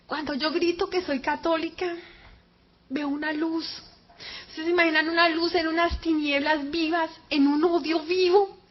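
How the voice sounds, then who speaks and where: High-voiced woman giving testimony. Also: fairly even intonation, moderate pace. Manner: dramatic, acts out her mother's and her own cries. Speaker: speaker giving a religious testimony. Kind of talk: impassioned testimony to a congregation. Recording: dull lo-fi recording.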